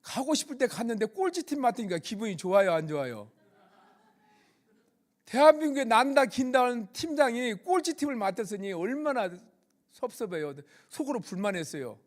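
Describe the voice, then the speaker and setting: A middle-aged man, a police chaplain, giving a church testimony as animated storytelling with questions to the audience. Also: extremely high pitch, normal speed.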